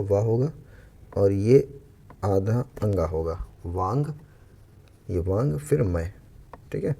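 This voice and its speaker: A low, gravelly male voice, dark and mellow in tone, walks students through a spelling lesson. He breaks each word down step by step, repeats it slowly, and drops in as he goes. Faint background noise sits under the recording. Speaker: Hindi exam coach. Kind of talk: spelling lesson for exam aspirants.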